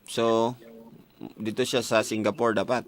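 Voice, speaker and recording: Hosting a casual radio call-in advice show from the studio, a young Cebuano-speaking Filipino man banters and teases his callers in a joking way. He speaks in a lowish voice with little pitch movement at a measured pace; the recording is dry, with a music bed playing behind.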